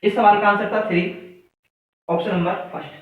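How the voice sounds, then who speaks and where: A man's voice: high voice, level tone, normal speed. A male maths teacher explaining a reasoning lesson, counting aloud step by step and asking his students questions. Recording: echoey room, far mic, phone-like sound.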